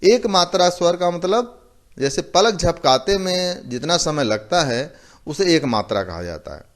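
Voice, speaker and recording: Slow, lively-voiced male teacher. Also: fairly high pitch. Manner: explains slowly, repeating terms and giving examples. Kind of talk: recorded classroom lecture.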